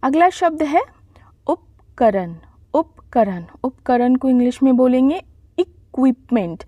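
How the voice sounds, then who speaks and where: A woman teaching vocabulary in a slow dictation style, saying each word twice and spelling it out letter by letter. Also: high-pitched, expressive, no room sound, muffled recording.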